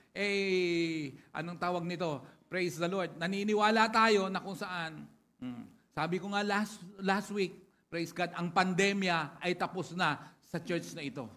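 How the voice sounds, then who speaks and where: A man preaching a sermon to his congregation, chatting casually at first, then building to louder, lively preaching. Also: sits high. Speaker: pastor.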